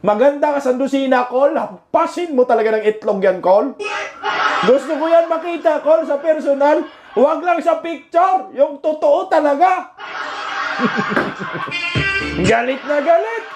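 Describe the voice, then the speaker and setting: A Filipino man doing laughing, mocking reaction commentary over protest footage, jeering and shouting exclamations. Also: extremely high pitch, lively intonation, unhurried, music in the background. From Philippines.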